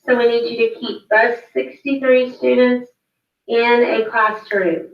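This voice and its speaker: A woman reading afternoon announcements over a school intercom loudspeaker in a plain, measured way. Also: a little high, level tone. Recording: muffled, echoey intercom from far off.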